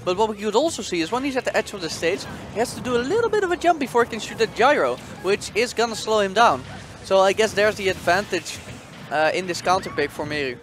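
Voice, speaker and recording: High-voiced man calling a fighting game. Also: expressive, quick pace, soft background music. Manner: casual, analytical play-by-play with laughs. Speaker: esports commentator. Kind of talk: live game commentary.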